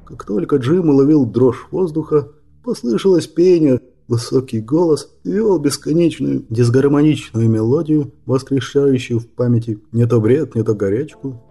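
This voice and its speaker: A man reading a fantasy audiobook in an even, measured way. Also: mid-range voice, creaky, slightly rough. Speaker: narrator. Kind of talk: audiobook narration.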